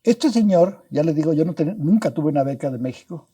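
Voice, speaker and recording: Expressive and fairly quick, this older Mexican-accented scientist spins anecdotes as a podcast interview guest. His slightly high voice carries a deeply mellow, dark quality, and he rambles, repeats himself, restarts words, and sprinkles in tag questions.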